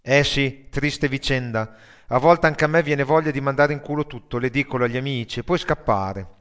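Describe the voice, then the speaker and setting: A foul-mouthed newsagent trading loud, crude jokes with a friend, put on by a male audiobook reader. His voice sits at an everyday middle pitch, pushed louder than the narration. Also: normal speed, clean tone, lightly acted. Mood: joking.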